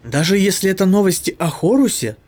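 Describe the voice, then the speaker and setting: A man's voice: sits high, very animated, a little fast, a little mellow, pitched above the performer's own voice. A man voicing a thoughtful young woman soldier.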